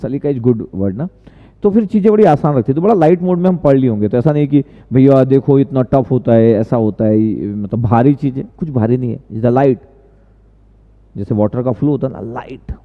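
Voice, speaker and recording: In a live stream with tinny, echoey lo-fi audio, a male online tutor teaches in a relaxed, chatty way at a moderate pace. His voice is medium-pitched, and he fields viewers' questions, frequently going over the same points again.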